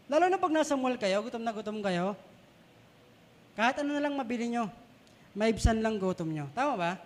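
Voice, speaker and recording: A man with a Filipino accent preaching a sermon in a conversational way, often putting questions to the congregation. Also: very high voice. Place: church hall. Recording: long reverb of a church hall.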